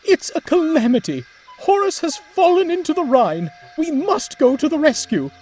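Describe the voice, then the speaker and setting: A man's voice: very high voice, big pitch swings, a little slow, darkish tone, slightly rough, voice pushed up, full character voice. A man voicing an agitated, stern railway boss in a children's story, giving orders in an urgent, exclamatory way. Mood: alarmed.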